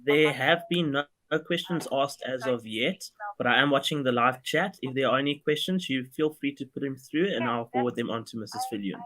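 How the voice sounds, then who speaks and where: A man's voice: mid-range voice, fairly quick, few pauses, a bit bright. Man moderating a school livestream chat. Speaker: moderator watching the live chat. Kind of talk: online parent briefing.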